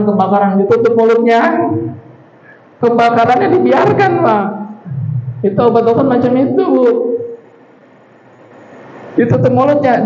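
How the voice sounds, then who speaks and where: A man giving a health talk as a religious teacher to villagers. He speaks animatedly, firing rhetorical questions at the crowd, and his pitch leaps high for emphasis. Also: a little mellow, a little hiss or hum. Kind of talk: public address to villagers. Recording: roomy, dull lo-fi sound.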